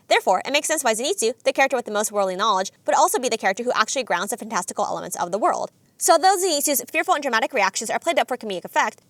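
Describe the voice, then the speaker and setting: A woman's voice: fairly high pitch, fairly bright tone, dry recording. A woman narrating a scripted video essay in an analytical, enthusiastic way.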